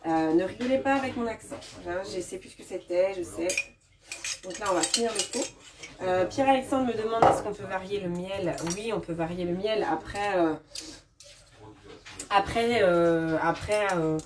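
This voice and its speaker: A woman's voice: mid-range voice, normal speed, very noisy. A woman demonstrating a recipe in her kitchen during a live stream, chatting casually with many fillers and restarts and replying to viewers' comments. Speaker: cooking demonstrator. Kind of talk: live cooking demo chat. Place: home kitchen. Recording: distant mic with kitchen clatter. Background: clinking dishes and utensils.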